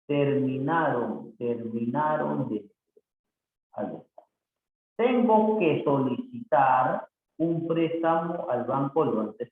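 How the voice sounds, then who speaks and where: A man teaching a recorded grammar lesson, reading exercise sentences aloud and repeating them corrected, often checking in with tag questions. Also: fairly high pitch. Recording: tinny phone-like, very echoey, faint hiss.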